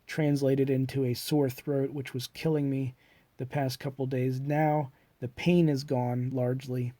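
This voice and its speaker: Congested from a cold, a middle-aged man who self-publishes his books rambles through a reflective monologue, hesitating with fillers and restarts. He speaks at an unhurried pace in a flat, dark, medium-pitched voice, with no room sound audible.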